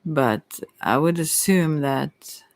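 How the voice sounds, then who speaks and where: A tarot reader with a low voice gives an intimate, casual, rambling ASMR tarot reading, taking it slowly with a close, dry sound and no room sound. She is hesitant and stammers, often trailing off and rephrasing.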